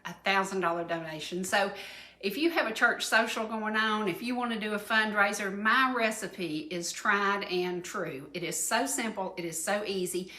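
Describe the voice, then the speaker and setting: A woman's voice: mid-range voice, moderate pace, sharp tone, echoey room. A woman in her seventies with a Southern US accent, hosting a cooking segment on a local TV talk show in a folksy, chatty, playful way. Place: TV studio kitchen set.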